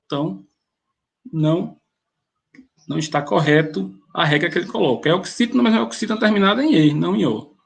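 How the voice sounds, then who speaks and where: A man teaches rules through exam questions, working methodically and restarting phrases as he goes. His voice sits high and has a gravelly, husky edge. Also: brisk, pauses often. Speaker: grammar teacher.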